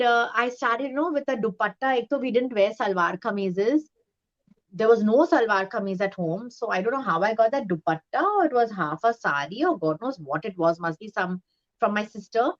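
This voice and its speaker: Guest, an animated storyteller, recorded on a dull lo-fi line. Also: female voice, mid-range voice. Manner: lively storyteller who acts out voices in anecdotes. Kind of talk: casual interview chat. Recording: dull lo-fi sound.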